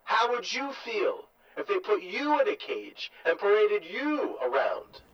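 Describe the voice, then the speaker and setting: Small pleading boy, put on by a male narrator, high, unhurried, dull lo-fi sound. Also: wildly swooping pitch, breathy edge, heavily acted. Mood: earnest. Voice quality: high and soft. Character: small earnest boy pleading through a speaker.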